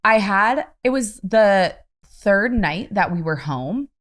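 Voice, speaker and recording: A woman's voice: mid-range voice, expressive, takes it slowly, a bit bright. A woman in her thirties co-hosting a podcast, telling personal stories earnestly in casual chat. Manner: earnest storytelling, lots of "like" fillers. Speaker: podcast co-host.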